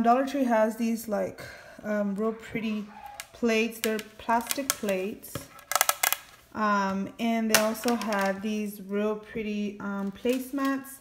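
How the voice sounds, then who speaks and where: A woman's voice: mid-range voice, echoey room, background noise. A woman in her thirties chatting casually through a haul video at home, with lots of ums and likes. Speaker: family vlogger. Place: home kitchen, indoors.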